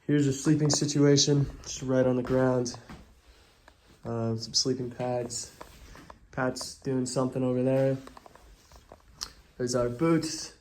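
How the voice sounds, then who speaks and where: A man with a mid-pitched voice talks casually to the camera as an overnight vlogger. His delivery is informal and understated. There is faint noise and some clicking in the handheld recording. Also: level tone, slow, pauses often, a little mellow, poor audio. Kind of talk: casual overnight camping vlog narration.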